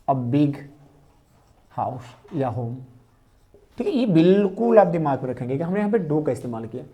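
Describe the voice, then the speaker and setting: A woman teaching a grammar lesson to students, repeating key phrases slowly and asking rhetorical questions as she explains. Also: on the low side, dark tone.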